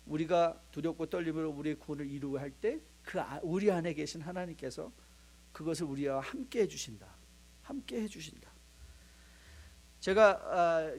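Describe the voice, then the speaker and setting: Male pastor preaching, animated, swings his pitch all over, acts out little scenes. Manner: animated storytelling, acts out prayers and quoted voices. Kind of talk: sermon.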